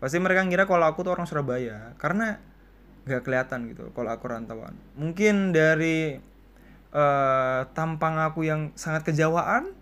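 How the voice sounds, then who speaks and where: A young man from East Kalimantan talks through a casual solo podcast, trading stories and answering listener questions with a joking, chatty manner. His voice sits a little high for a man. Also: normal speed, clear, resonant tone. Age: 20s. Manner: chatty, joking, quotes people in lively voices. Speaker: podcast host.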